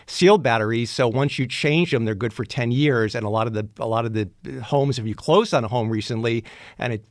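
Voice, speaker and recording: A man's voice: mid-range voice, fairly quick, no echo. A man co-hosting a radio show, giving practical home maintenance advice in a casual way, often restarting his sentences. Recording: dry studio sound.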